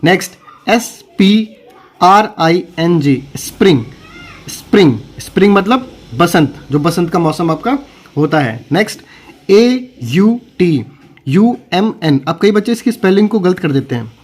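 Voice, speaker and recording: A man's voice: sits high, animated, unhurried. A man teaching an online English lesson in Hindi, spelling words letter by letter and repeating them, asking questions and answering them himself.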